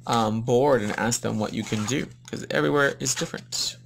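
Upbeat man with a gravelly voice. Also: medium pitch, moderate pace, background noise. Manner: upbeat, chatty, explaining steps to viewers. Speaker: nail technician hosting a live tutorial. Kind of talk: live-stream demonstration, mixing English and Spanish.

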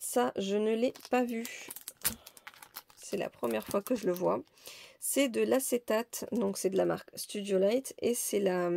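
A woman shows off a crafting haul in a casual, hesitant, chatty manner, using many fillers. Her mid-range voice has a dark tone and vocal fry.

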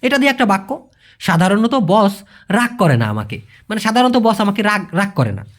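A man's voice: high voice, big pitch swings, moderate pace, a bit bright. A man teaching an informal language lesson, answering viewers' questions in a chatty way, repeating key words and checking that the listener understood.

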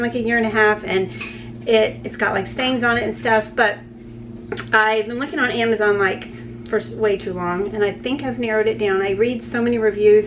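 A woman's voice: on the high side, background noise. A woman, chatting casually and rambling through a day-in-the-life vlog at home. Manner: chatty, rambling, with many fillers and restarts. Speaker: vlogger.

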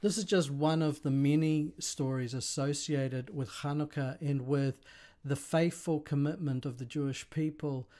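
A man, a spiritual leader, reading a solemn story aloud during a lecture in a measured way. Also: a little high, steady tone, mellow.

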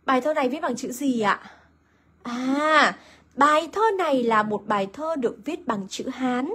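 Explaining a poem in an online literature lesson, a woman puts questions to her students, answers them herself and goes back over key points. Her voice sits high and is bright and forceful with a breathy edge, at a moderate pace.

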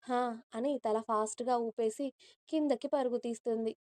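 A woman reads a romance story aloud in a steady, expressive way. Her voice is a little high, with a mellow warmth and a smooth, clean finish. It sounds dry, close to the mic. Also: normal speed, no echo. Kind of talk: scripted audio story narration.

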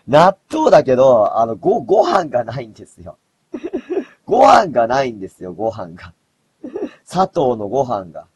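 Rough-talking man in his thirties. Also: big pitch swings, moderate pace. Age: 30s. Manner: rough, mumbling, swings between loud outbursts and low muttering. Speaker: live streamer. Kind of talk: casual late-night live stream chat. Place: dim room at home.

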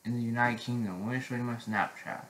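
A teenage boy chatting casually in a vlog, halting with many restarts and frequent throat clearing. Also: mid-range voice, fairly even intonation, a bit bright, reverberant, poor audio. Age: teens. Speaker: vlogger.

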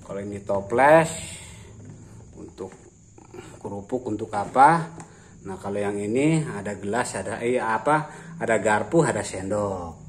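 A man from Banten, presenting prize items in a casual, itemizing walkthrough. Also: on the low side. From Banten, Indonesia. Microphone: handheld phone behind camera. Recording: noisy phone recording with room ambience.

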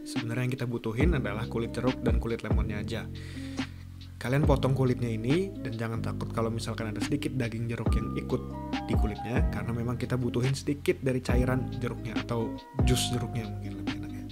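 Male, 20s, relaxed home-kitchen cooking host, middle pitch, recorded over loud music. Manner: relaxed, chatty, drawn-out words. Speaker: cooking vlogger. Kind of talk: casual cooking tutorial.

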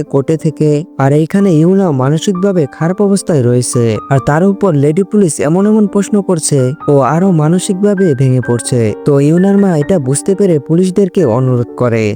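A man with a fairly high, mellow voice narrates a movie recap in an easy conversational way, walking through the plot scene by scene. Faint music plays softly underneath. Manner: conversational retelling with quoted dialogue. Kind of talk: storytelling movie explanation.

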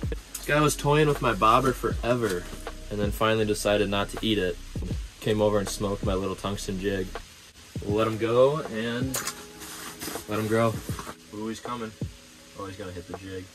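A man's voice: moderate pace, pauses often, music in the background, rough recording. Laid-back young man narrating ice fishing. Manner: laid-back, often murmured low while reeling in fish. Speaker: fishing vlogger. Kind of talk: casual fishing play-by-play. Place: inside an ice fishing shelter on a frozen lake.

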